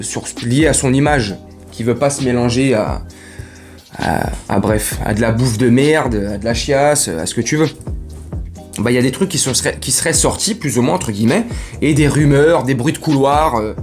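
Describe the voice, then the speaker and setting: A man hosting a casual football vlog, talking in a crude, slangy, rambling way. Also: on the high side. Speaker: football vlogger host.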